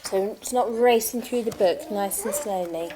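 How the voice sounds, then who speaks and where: A woman's voice: mid-range voice, normal speed, a crowd in the background. A woman teacher patiently guiding young children through reading, praising them and asking questions in a classroom. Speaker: primary school teacher. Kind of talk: guiding a small reading group.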